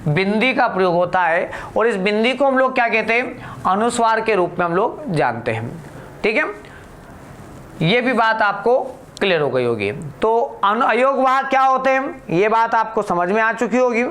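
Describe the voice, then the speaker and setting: In a high, very animated and somewhat bright voice, a man teaches grammar to exam students slowly and deliberately. He keeps asking the class questions and then answering them himself.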